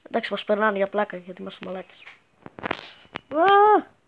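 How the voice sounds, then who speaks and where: A male YouTuber giving joking, crude gameplay commentary that bursts into excited shouts. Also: high-pitched, gravelly, narrow, tinny audio, noisy background. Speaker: gaming YouTuber.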